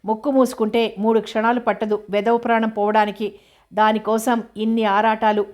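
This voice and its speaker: A woman's voice: fairly high pitch, level tone, normal speed, darkish tone, lightly acted. A woman voicing a tearful but defiant young woman pleading with her family, in a novel reading. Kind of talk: audiobook character reading.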